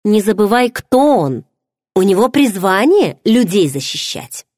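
A woman's voice: mid-range voice, very animated, a little slow, a little mellow, no room sound, studio quality. A woman voicing a playful, nosy young pregnant friend who teases with pushy questions. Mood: teasing. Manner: teasing, bubbly, pushy questions.

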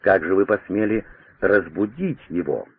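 An aging president, urgent and commanding, firing off insistent questions, as a man reading the story voices him. The voice is low and husky, squeezed through a narrow radio band. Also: moderate pace, dry recording. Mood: agitated. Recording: tinny radio broadcast.

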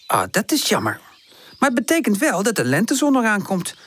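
A man's voice: high voice, huge pitch swings, brisk, voice pushed up, exaggerated voice. A man playing a kindly motherly aunt. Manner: gentle, soothing, chatty. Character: kindly motherly pear tree aunt, warm and caring.

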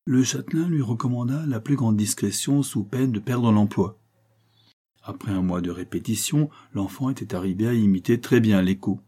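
A man reads a short story aloud, his voice low and husky. The telling is measured and even, with a mellow, dark tone. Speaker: narrator. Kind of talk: audiobook reading of a short story.

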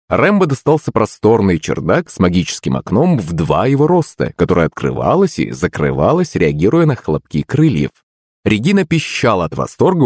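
A man with a deep, husky voice narrates a first-person audiobook. His delivery moves a lot in pitch and stays expressive. The sound is dry and close to the mic. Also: no echo.

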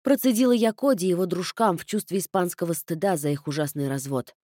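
A woman narrating a novel in the first person, raising her voice sharply into shouting for her own heroine's furious lines. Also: on the low side, fast talker, no room sound, clean studio sound. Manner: shifts into loud angry shouting for her character's lines. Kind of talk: audiobook narration of a romance novel.

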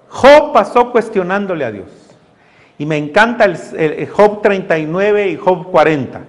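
A male pastor preaching a lively sermon with humor, talking to the congregation, asking them questions and acting out voices. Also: high-pitched. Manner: animated, acts out voices of God and church members; conversational, asks the congregation questions.

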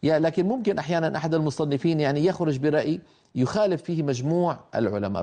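A man's voice: medium pitch, warm tone. A man from the Levant teaching a Quran recitation lesson, explaining pronunciation and demonstrating sounds by drawing out syllables. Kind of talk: tajweed lesson.

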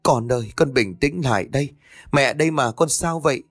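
A man's voice: mid-range voice, normal speed, husky, no room sound, studio quality, soft background music, natural voice. A man voicing an older, superstitious mother-in-law with a fretful, knowing way of talking. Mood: pleading. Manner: fretful, knowing folksy talk.

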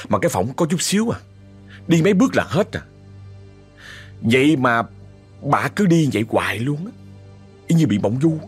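A man with a Southern Vietnamese accent tells a ghost story in a chatty manner, frequently speaking directly to his listeners. His voice is mid-range and husky.

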